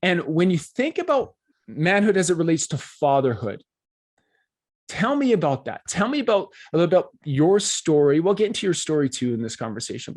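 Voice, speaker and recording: A man hosting a podcast interview, energetic and enthusiastic, sitting at his desk. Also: on the high side. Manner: energetic, enthusiastic, talks fast when fired up. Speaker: podcast host. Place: seated at a desk, indoors.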